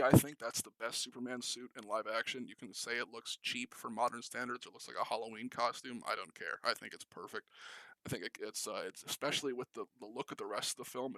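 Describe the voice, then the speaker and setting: A man's voice: medium pitch, bright, forceful tone, no echo. A young man co-hosting a podcast, talking casually and enthusiastically about films, rambling with many fillers and restarts. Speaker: podcast co-host. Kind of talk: casual film discussion.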